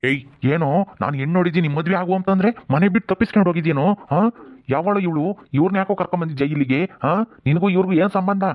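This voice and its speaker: Brief: man as a rowdy drunk dad, quick slurred rants, dull lo-fi sound. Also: on the high side, close to an everyday voice. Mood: angry bullying. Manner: slurred, bullying, shouting. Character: drunken middle-aged father, loud and abusive.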